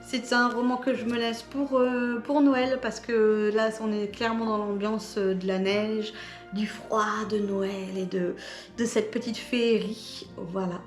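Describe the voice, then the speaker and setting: A woman's voice: mid-range voice, fairly even intonation, a little slow, roomy sound, soft background music. A woman chatting casually about the books she bought, hesitating often with fillers. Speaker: book vlogger. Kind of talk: casual book haul chat.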